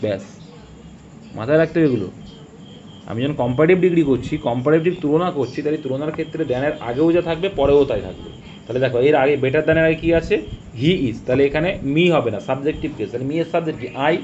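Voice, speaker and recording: A fairly high-voiced man teaches English grammar, putting questions to his students and answering them himself. He reads the example sentences out slowly, word by word. The recording sounds dull and lo-fi, with a faint hiss behind it. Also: darkish tone. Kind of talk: spoken grammar lesson.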